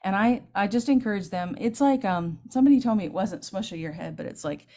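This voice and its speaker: A woman in her fifties, a middle school band director, explaining trumpet technique in a lively, chatty way and demonstrating as she talks. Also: mid-range voice, fairly quick. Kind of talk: teaching clinic, explaining technique.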